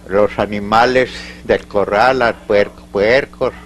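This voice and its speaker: This older Colombian speaker has a Paisa accent, a fairly low pitch, and a steady tone, heard through slight background noise on a rough recording. Recounting local stories for an oral history interview, he rambles with frequent halts, restarts, and asides.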